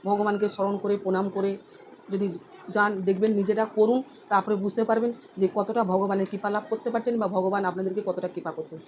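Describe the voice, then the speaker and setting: A woman giving a devotional talk to her followers, instructing them and slowly repeating chants and names. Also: mid-range voice, flat delivery, a little mellow, muffled recording, slight background noise. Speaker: devotional speaker.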